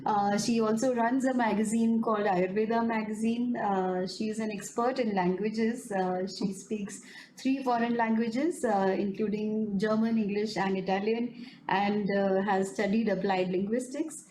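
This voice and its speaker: Woman interview host, mellow tone, formal and encouraging, roomy echo. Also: medium pitch, fairly even intonation, unhurried. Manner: frequent affirming backchannels, formal polite address. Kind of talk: hosted interview. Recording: echoey room with faint noise.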